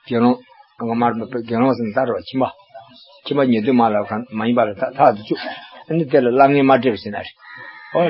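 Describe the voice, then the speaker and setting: An older man giving a religious teaching, explaining at length and checking in with rhetorical questions. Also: mid-range voice. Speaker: monastic teacher. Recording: dull lo-fi recording with faint background hiss.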